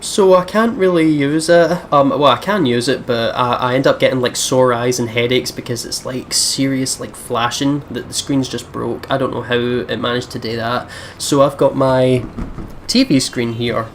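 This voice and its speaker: Faint hiss or hum accompanies a mid-range male voice with fairly even intonation and a moderate pace. He hosts let's plays from his computer setup at home, talking through a desk microphone in a casual, rambling way with slang, swearing, and occasional text read aloud.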